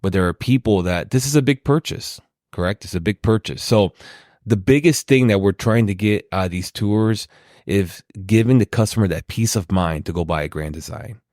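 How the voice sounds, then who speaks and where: A man from a sales team speaks with earnest pride and leans on his key points. His voice is very deep, and the recording is dry and close. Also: normal speed, darkish tone, dry recording. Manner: earnest, proud, emphatic. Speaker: inside sales team member. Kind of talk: casual chat.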